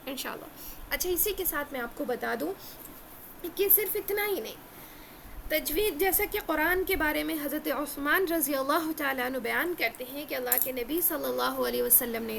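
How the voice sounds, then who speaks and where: High-voiced earnest woman teaching Quran recitation. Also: vocal fry, a bit bright, a little hiss or hum. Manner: earnest, repeats key phrases, slows for emphasis. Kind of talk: religious lesson.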